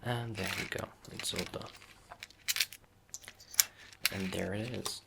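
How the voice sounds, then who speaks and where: A man doing a softly spoken ASMR role-play as a watch shop salesman, with reassuring customer-service patter in a low, gravelly voice. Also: fairly even intonation, slow, heavy background noise.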